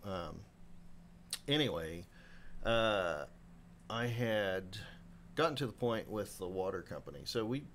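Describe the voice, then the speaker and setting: A man's voice: fairly low pitch, takes it slowly, long pauses, a little hiss or hum. A man in his fifties, a chef guest on a podcast, telling his story in a rambling way, often acting out what others said. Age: 50s. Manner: rambling, self-interrupting, animated quoting. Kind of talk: casual interview storytelling. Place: live podcast room.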